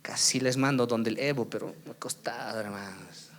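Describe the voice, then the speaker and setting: A man preaching a sermon at a church meeting. He asks his congregation question after question and swings between loud emphasis and quiet asides. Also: mid-range voice, moderate pace. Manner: rhetorical questions with tag "¿no?", swings from loud to soft. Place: church service.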